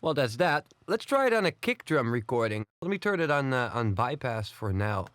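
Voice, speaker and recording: A man presenting an audio plugin tutorial in a home studio, explaining each control step by step in a steady, methodical way. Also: medium pitch, normal speed, heavy background noise. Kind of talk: software walkthrough tutorial.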